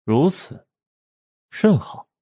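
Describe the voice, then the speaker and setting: A woman voicing a cold, possessive masked young nobleman who speaks slowly and quietly with a hint of menace. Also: no echo, studio quality. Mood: pleased. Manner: slow, quiet, menacing drawl. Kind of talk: audiobook character voice. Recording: faint music behind.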